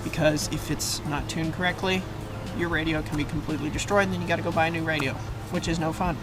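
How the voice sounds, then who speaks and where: With music playing behind him, a man narrates a relaxed how-to video for his channel from inside or beside a parked vehicle. His voice sits on the high side with fairly even intonation, and he moves quickly, thinking aloud as he talks through each step.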